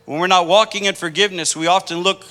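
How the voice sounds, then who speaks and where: A man's voice: sits high, steady tone, fast talker, bright, forceful tone. A man preaching a sermon as pastor, telling stories with impassioned delivery.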